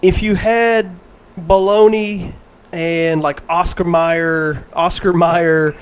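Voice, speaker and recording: High-voiced playful man. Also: steady tone, slow pace, smooth. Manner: playful, teasing, laughs often. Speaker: podcast co-host. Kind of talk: casual chat.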